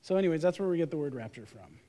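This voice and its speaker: High-voiced joking pastor in a reverberant hall. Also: male voice, racing. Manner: joking, animated, casual slang. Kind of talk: sermon. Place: church sanctuary.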